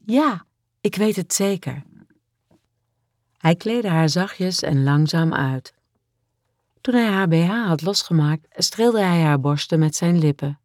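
A woman calmly and steadily narrating a romance novel as an audiobook. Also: sits low, no echo, clean studio sound. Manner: calm and measured.

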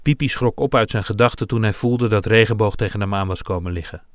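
A man reading a children's fantasy story aloud with expressive, dramatic narration. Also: on the low side, fast, no echo, studio quality.

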